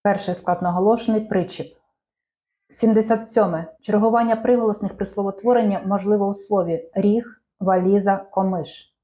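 A woman reading out language quiz questions and answers in a measured, clear teaching manner. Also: medium pitch, fairly even intonation, dark tone. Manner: measured, clear dictation-like delivery.

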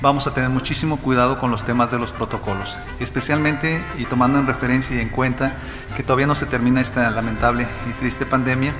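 Middle-aged man, Mexican accent, unhurried press-conference presenter, echoey room with long reverb. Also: mid-range voice, music in the background. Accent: Mexican Spanish. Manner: unhurried, steady, with frequent fillers. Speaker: business owner presenting an event. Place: municipal meeting room, indoors. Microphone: table microphone.

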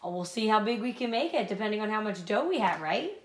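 This mother in her thirties talks fast, with a medium pitch and big pitch swings, as she encourages young children step by step and often checks in with questions. It takes place indoors in a home kitchen or dining room. The room echoes, and background noise is clear.

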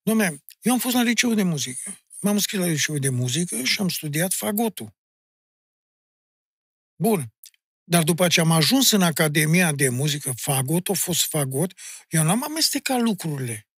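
A Romanian man from Maramureș, a folk singer and music teacher, is the guest on a casual podcast, speaking in an animated, husky, rather high voice. He tells stories insistently and emphatically, bluntly calling the host "mă" and "domne". The recording is dry and clean, studio quality.

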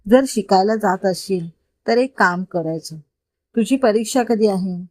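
Storybook mentor: woman reading a warm-hearted, confident man, gently explaining, mid pitch, dry sound. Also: a little slow, no room sound, natural voice. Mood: kind, coaxing. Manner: patient, gently persuasive explaining. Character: kind, confident grown man mentoring a boy. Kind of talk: storytelling read-aloud.

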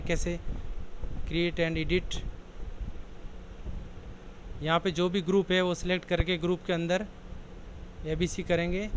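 Man calmly explaining software steps. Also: on the high side, a little hiss or hum, low-quality recording. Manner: plain explanatory, walks through options one by one. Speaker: software tutorial presenter. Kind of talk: step-by-step screen walkthrough.

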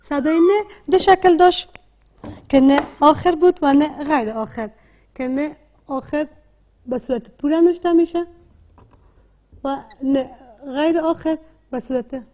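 A woman with a Dari accent teaching a literacy lesson, asking questions and answering them herself in a slow, deliberate way. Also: high voice, mellow. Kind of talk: classroom lesson.

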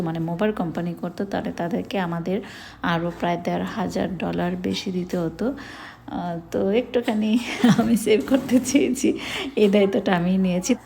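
A woman's voice: mid-range voice, creaky, darkish tone. Bengali woman, voice echoing in an empty room. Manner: chatty and plain-spoken, with many "ah" fillers. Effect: echo from a bare, empty room. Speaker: vlogger narrating her move. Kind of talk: casual home voice-over narration. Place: empty unfurnished rented house indoors. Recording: echoey empty room, faint noise.

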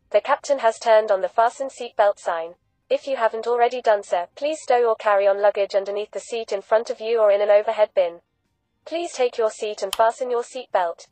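A woman plays an orderly female flight attendant in a flight simulator game. Her voice sits fairly high as she gives polite, measured, scripted safety announcements. Music plays clearly behind her. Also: warm tone, dry recording, close to an everyday voice, low-quality recording.

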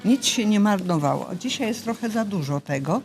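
A woman's voice: medium pitch, animated, moderate pace, a little mellow, soft background music. An old woman in her seventies speaking in a casual interview, polite but insistent, with a folksy manner. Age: 70s. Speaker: interviewee, retired grandmother.

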